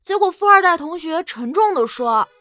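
A woman co-host reads comic sketches. Her high, bright voice is lively and expressive. Her pitch swings widely as she tells the stories. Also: moderate pace, no echo. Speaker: podcast co-host.

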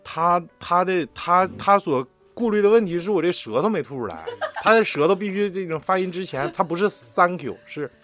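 Animated northeastern Chinese man. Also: high voice, normal speed, hardly any pauses, soft background music. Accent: Northeastern Mandarin. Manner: animated, profane storytelling. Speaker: podcast co-host. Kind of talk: casual podcast chat.

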